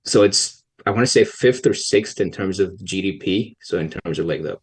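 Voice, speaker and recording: Answering a podcast host's questions in a casual setting, this young policy researcher from Pakistan speaks quietly and haltingly with many pauses. He has a low-pitched voice with a breathy edge.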